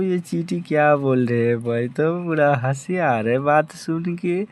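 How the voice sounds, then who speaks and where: An excitable chubby cartoon buddy, voiced by a man in an amateur dub, with a somewhat high voice. He talks slowly, stretching his exclamations and saying things twice. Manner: exclaiming, repeating lines.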